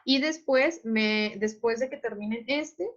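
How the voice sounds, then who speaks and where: A woman's voice: on the high side, measured pace. A woman teacher, patiently explaining to her class and often checking that students follow. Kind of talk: online class lecture. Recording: muffled lo-fi audio.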